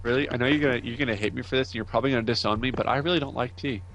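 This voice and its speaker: A young American man chatting on a podcast, quick and teasing. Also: mid-range voice, fairly even intonation, gravelly, noisy background. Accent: American English. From United States. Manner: fast, teasing. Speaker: podcast co-host. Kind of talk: casual chat.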